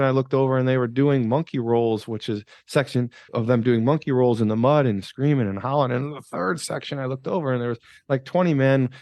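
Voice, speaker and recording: A man's voice: mid-range voice, darkish tone, dry recording. A man in his sixties from Michigan, a coach and author telling a story as a guest on an interview podcast, with an emphatic, dramatic delivery that repeats phrases. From Michigan, USA. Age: 60s.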